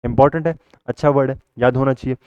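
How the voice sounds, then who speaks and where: A man's voice: medium pitch, steady tone, fast talker, a little mellow, smooth, no room sound, highs cut off. A male teacher giving a vocabulary lesson. He keeps asking the class a question and then answering it himself.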